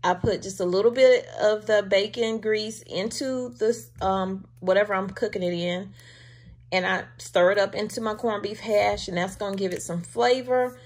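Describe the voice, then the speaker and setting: A woman's voice: medium pitch, normal speed, darkish tone. Chatty woman talking to her viewers. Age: adult with a daughter. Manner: chatty, homey, addresses viewers as y'all. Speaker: vlogger showing a grocery haul. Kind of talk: casual chat. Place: home, indoors, off-camera.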